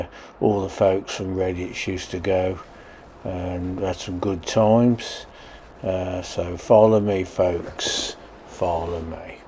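This older Englishman's low, mellow voice carries over slight background noise as he rides along a canal towpath for his vlog. Using a cabled mic, he chats casually and keeps telling viewers "folks" and "follow me."

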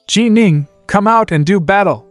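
A man's voice: medium pitch, normal speed, darkish tone, no echo, soft background music, close to an everyday voice. A man voicing an arrogant young male warrior cultivator who speaks with boastful, commanding confidence. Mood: roaring challenge.

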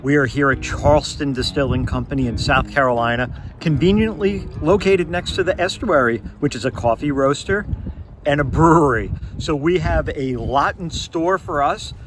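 A man's voice: on the high side, moderate pace, soft background music, rough recording. A man in his forties hosting a casual travel review vlog, talking to a phone camera at arm's length outside, with upbeat, emphatic verdicts. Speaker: vlog host. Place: outdoors in a parking lot. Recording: outdoor noise.

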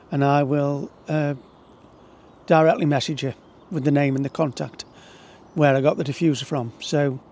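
A middle-aged or older man talking casually and haltingly to camera outdoors on a lapel mic, with a tractor rumbling behind. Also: darkish tone. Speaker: hobby photography vlogger. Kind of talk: casual vlog talk to camera. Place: outdoors in gardens. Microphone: lapel mic with furry windshield. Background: tractor engine rumble.

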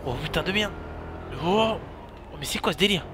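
A gaming YouTuber role-plays his character while playing a driving game, his fairly high voice racing along very fast in frantic commentary full of swearing and repeated exclamations. Loud engines and police sirens from the game roar behind him, along with background music.

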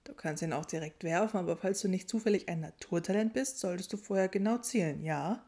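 A woman's voice: on the low side, brisk, dark tone. A woman voicing a casual, chatty young wizard who explains eagerly and gets a bit baffled. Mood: explaining, puzzled.

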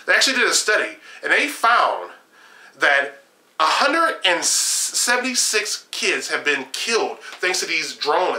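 A man's voice: a little high, echoey room. A young man giving sarcastic, opinionated political commentary to camera from a small room at home, with many fillers and restarts. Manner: animated, gesturing, sarcastic, frequent fillers and restarts. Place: small room at home, shelves of games behind.

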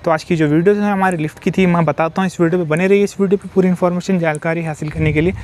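This construction vlogger speaks very fast in a high, steady, somewhat dark voice, with a touch of hiss or hum. He walks the outdoor site holding his phone, explaining things repetitively and mixing in English technical terms.

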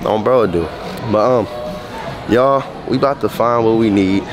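Speaking at a moderate pace in a voice on the low side, a congested young man vlogs casually with laid-back slang and excited hellos. The audio is reverberant, picked up by a handheld camera at arm's length as he goes from a small room into a big electronics store.

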